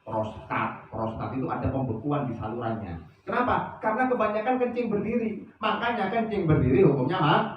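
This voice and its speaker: A man preaching at a religious study session, animated, asking rhetorical questions of his listeners. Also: high voice, fairly quick, a little hiss or hum. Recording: echoey, distant, dull lo-fi sound.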